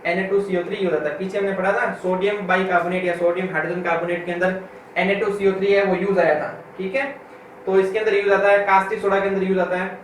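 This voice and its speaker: A man teaching a school chemistry class. He speaks, asks the class questions and answers them himself, and repeats key terms slowly. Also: high voice, little pitch movement. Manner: reads English textbook lines slowly, word by word. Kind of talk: classroom lecture. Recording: echoey room from far off, with faint noise.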